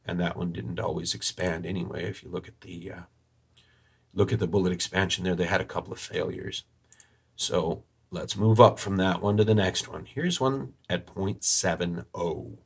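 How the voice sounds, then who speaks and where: Deadpan, husky low-voiced man. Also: normal speed. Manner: deadpan, dry tongue-in-cheek delivery. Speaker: online video presenter. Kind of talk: informal analysis commentary over screen recording.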